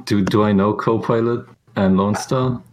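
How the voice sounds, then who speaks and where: A man's voice: on the low side, fairly even intonation, moderate pace, darkish tone, slight background noise, poor audio. A man chatting casually as a player in a tabletop roleplaying game, describing what his character does and says.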